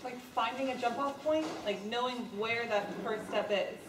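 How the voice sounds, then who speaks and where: A woman's voice: a little high, normal speed, background noise. A woman in a workshop audience speaking hesitantly, with many fillers. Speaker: workshop attendee. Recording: distant and echoey in a room.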